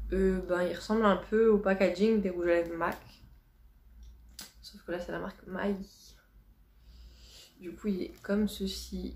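A woman's fairly low, slightly mellow voice comes from a beauty vlogger unboxing a box on camera. She chats casually, gushing and repeating words to stress them, over a faint hiss in a room with noticeable echo.

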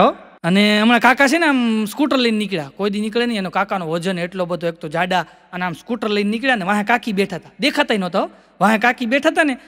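A man's voice: very high voice, fairly bright tone. A man with a Gujarati accent telling folksy comic stories as a stand-up act, playing both sides of each joke and often repeating lines for effect. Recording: long hall reverb.

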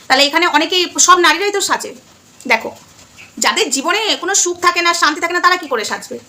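A woman's voice: high voice, sharp tone. A middle-aged woman with a Bengali accent, talking casually and emphatically to her viewers at home and often checking that they follow. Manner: emphatic, repeating "ঠিক আছে?". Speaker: vlogger.

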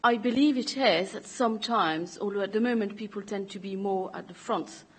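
A woman's voice: medium pitch, moderate pace, slightly rough. A woman in her thirties giving spontaneous answers at a public meeting, speaking into a desk microphone. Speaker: resident answering committee questions. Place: council meeting chamber, indoors. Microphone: gooseneck desk microphone.

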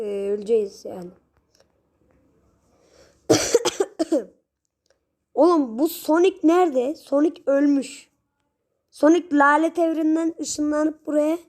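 A young woman giving casual gameplay commentary, chatty with her viewers and prone to sudden shrieks and yells at the game. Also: high-pitched. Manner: chatty, talks straight to viewers. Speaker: gaming channel host.

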